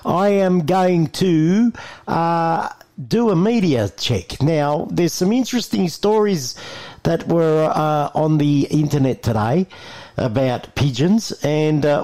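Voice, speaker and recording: A man hosting a radio show in a casual, halting way, often repeating himself. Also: on the high side, animated, darkish tone.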